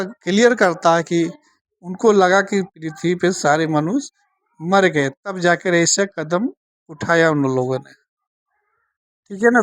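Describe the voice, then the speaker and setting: A woman teaching a Bible study, speaking slowly and checking in with her listeners after almost every point. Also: lowish voice, no room sound, studio quality. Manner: slow, keeps asking "theek hai na?".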